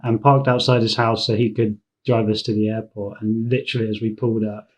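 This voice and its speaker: A man's voice: fairly low pitch, level tone, fairly quick, low-quality recording. A man who drove the band on tour, telling anecdotes and acting out quotes in casual podcast chat. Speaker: tour driver.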